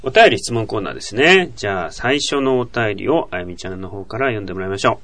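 A man's voice: on the low side, fast. A man hosting a language podcast, explaining pronunciation in casual chat and acting out sounds aloud. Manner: lively, demonstrates sounds aloud. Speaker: host, chief editor of a Korean language podcast.

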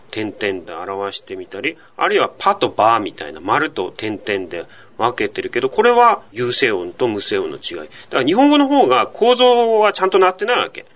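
A man hosting a language-learning podcast, talking through sound rules at a relaxed, explanatory pace. His pitch swings widely as he stresses points, and he keeps checking in with his listener through rhetorical questions. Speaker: podcast host teaching Korean.

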